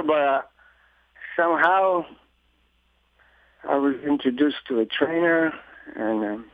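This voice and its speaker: A man's voice: mid-range voice, no room sound. Greek-accented man over a tinny phone. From Greece. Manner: relaxed, wry, halting with fillers. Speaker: guest.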